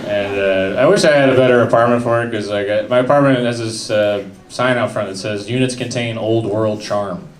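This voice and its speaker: A young man doing a stand-up comedy set with a deadpan, mumbling delivery. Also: lowish voice, brisk, hardly any pauses. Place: comedy club stage with a live audience. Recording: echoey room with background noise.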